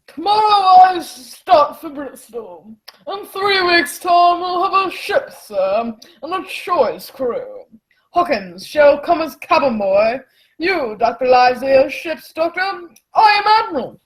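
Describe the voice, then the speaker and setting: A woman playing an excitable, self-important gentleman squire in a radio play, pompous and blustering. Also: high voice, slow, heavily acted, poor audio. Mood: excited, blustering.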